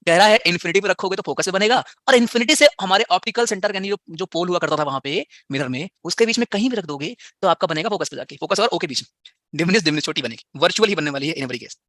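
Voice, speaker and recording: A man's voice: sits high, lively intonation, fast, bright, forceful tone, no room sound, studio quality. A slightly unwell man teaching a physics class online, firing rhetorical questions at his students and mixing English into his talk.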